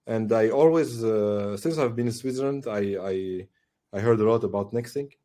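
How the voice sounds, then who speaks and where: A man's voice: fairly low pitch, moderate pace, warm tone. A man in his forties from Tunisia, a podcast guest talking thoughtfully with many fillers and restarts. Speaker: guest, AI director. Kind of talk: casual podcast interview.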